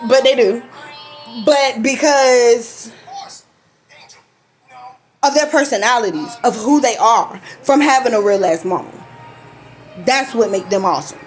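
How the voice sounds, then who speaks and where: A woman telling a personal story to camera in a blunt, profane, casual way, laughing often. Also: on the high side.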